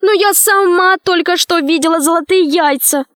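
Woman voicing a young girl, high and urgent, pleading, storybook, dry sound. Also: normal speed, a bit bright, no echo. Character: brave insistent young girl.

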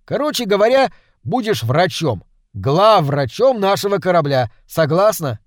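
A man voicing a bold boy starship captain who talks loud and boastful, giving commands. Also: sits high, very animated, a little slow, dry recording, clean studio sound, pitched above the performer's own voice. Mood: bossy.

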